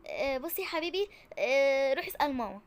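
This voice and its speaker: A woman's voice: on the high side, a little fast, close to an everyday voice. A woman with an Egyptian accent voicing a flustered young female doctor in a game role-play, mock-serious and playful.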